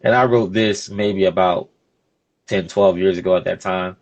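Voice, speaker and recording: A man in his early thirties, a podcast host being interviewed, talks casually and informally, often dropping in "you know what I'm saying". His low voice is steady at a normal speed, though the recording sounds muffled.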